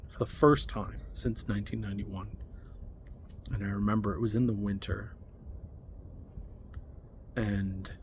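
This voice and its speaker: Male, 30s, low pitch, reflective halting storyteller. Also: a little mellow, a little hiss or hum. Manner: reflective, halting, many fillers. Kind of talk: personal storytelling monologue.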